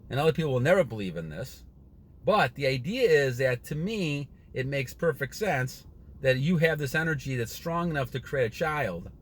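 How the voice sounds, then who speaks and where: A channel host in his sixties delivers a casual, earnest motivational monologue to his viewers, rambling, repeating himself and often clearing his throat. His voice sits on the high side, with slight background noise.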